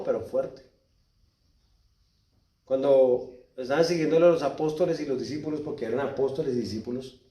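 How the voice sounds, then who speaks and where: Colombian pastor preaching in an echoey church. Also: male voice, recorded from a distance. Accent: Colombian Spanish. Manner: swings between loud exhortation and quiet low asides. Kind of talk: sermon. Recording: echoey church hall, speaker off-mic at times.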